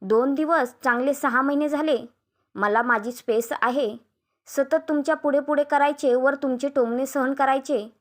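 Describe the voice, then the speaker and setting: A woman voicing a fed-up young daughter-in-law, speaking in sharp, indignant outbursts. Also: a little high, fairly even intonation, normal speed, close to an everyday voice. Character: fed-up young daughter-in-law demanding her own space.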